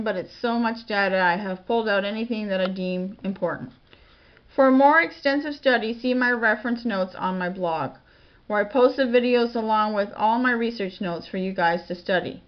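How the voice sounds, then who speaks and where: A woman blogger talking quietly in a casual home vlog, reading out lists of titles and dates from her home office. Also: on the high side. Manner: soft-spoken, quiet delivery. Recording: dull lo-fi home recording.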